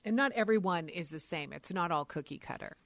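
A woman co-hosting a radio show, reading promos in a clear, measured way and asking the host questions. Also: lowish voice, animated, no room sound. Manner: clear, measured delivery, slowing to repeat phone numbers.

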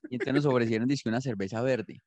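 A man co-hosting a podcast, telling rambling anecdotes in a relaxed way. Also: mid-range voice, very fast, dry recording. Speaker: podcast co-host. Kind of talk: casual podcast chat.

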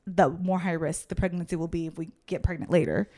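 A young adult woman co-hosting a podcast, chatting casually, playful and quick to tease. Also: lowish voice, mellow. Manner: playful, giggly, quick with teasing remarks. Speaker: podcast co-host. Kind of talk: casual chat.

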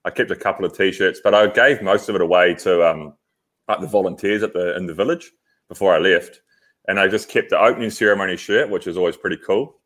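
A man's voice: sits low, quick pace, a bit bright. A man talking casually and informally as a co-host on a podcast. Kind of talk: casual chat.

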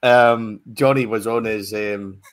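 A man's voice: fairly low pitch, fairly even intonation, slow, crowd noise. A man chatting casually as a football pundit, with frequent fillers and restarts.

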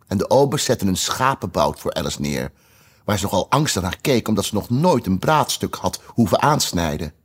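A man reading a storybook aloud with expressive narration. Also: sits low, normal speed, slightly rough. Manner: lively, expressive.

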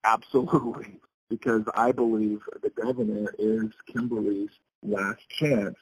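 A man's voice: fairly low pitch, flat delivery, a little slow, husky, no room sound, low-quality recording. A man who directs a legal advocacy group, interviewed over a cell phone and making his points emphatically, often repeating them.

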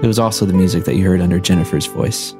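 A man's voice: sits low, fast talker. A man hosting a podcast in a playful, conversational, casual way. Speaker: podcast host. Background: acoustic guitar music.

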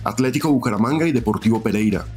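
A Colombian man hosts a scripted sports-history podcast. His voice sits at an average male pitch, with light music running behind the narration. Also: lively intonation, fast talker, darkish tone. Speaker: podcast host.

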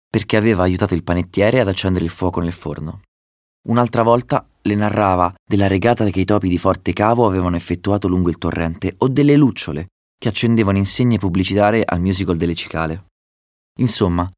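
A man narrating a storybook chapter in a calm, measured reading. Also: deep voice, no echo, studio quality. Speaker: audiobook narrator.

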